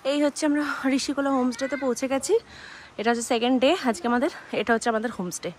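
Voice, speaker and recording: A woman's voice: high voice, racing. A woman vlogging her hill trip, chatting to viewers as she shows food, rooms and views. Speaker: travel vlogger. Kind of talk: casual travel vlog narration. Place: outdoors in hills and indoors at homestays. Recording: phone vlog with clear ambient noise.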